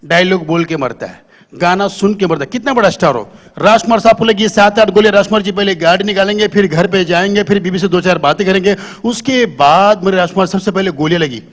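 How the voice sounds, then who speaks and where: A man's voice: high-pitched, quick pace. A man doing live stand-up comedy on a stage, talking to the audience into a handheld microphone and quizzing them.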